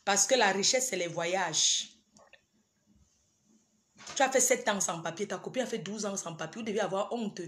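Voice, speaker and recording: A woman's voice: mid-range voice, quick pace, few pauses, reverberant. A woman, ranting on a livestream and scolding her rivals directly. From Cameroon. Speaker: livestream host. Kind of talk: heated livestream rant.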